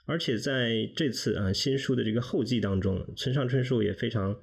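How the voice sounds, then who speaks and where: A man in a podcast book discussion, speaking in a measured, reflective way. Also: medium pitch, gravelly, slightly rough. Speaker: podcast guest, reader. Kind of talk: casual discussion.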